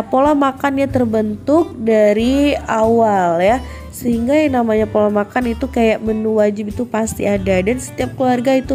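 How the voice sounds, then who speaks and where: A woman's voice: mid-range voice, gravelly, warm tone. A woman with a congested, nasal sound from a head cold, chatting as a friendly home vlogger to fellow mothers. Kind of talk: chatty vlog voice-over narration. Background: music.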